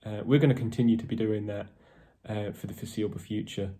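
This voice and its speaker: A man's voice: on the low side, fairly even intonation, fast talker, dark tone. A man from a metal band, giving a casual, rambling video update to fans with many ums and restarts. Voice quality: posh-sounding voice.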